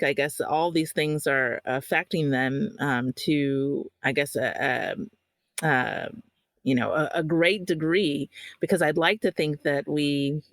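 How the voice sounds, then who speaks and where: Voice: medium pitch, a bit bright, no room sound. A podcast host in their thirties who talks in casual conversation, hesitating often with many fillers and laughing easily.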